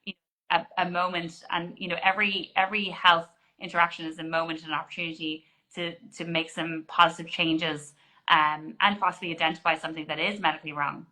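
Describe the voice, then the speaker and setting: A woman's voice: fairly low pitch, level tone, brisk, sharp tone, low-quality recording. A woman in her forties, a GP, answering interview questions in an explanatory way with many restarts. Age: 40s. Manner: explanatory, frequent restarts and fillers.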